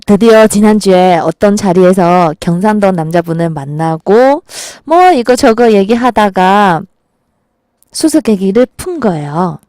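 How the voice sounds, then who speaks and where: A woman's voice: medium pitch, lively intonation, a little slow, warm tone, no echo, clean studio sound. A woman hosting a small local radio show, chatting casually with listeners and laughing often between lines. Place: small radio studio at a market.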